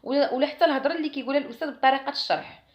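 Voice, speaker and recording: A Moroccan-accented woman with a high-sitting voice teaches French classroom phrases, explaining in Arabic and speaking the French slowly and carefully. The highs in the recording are cut off.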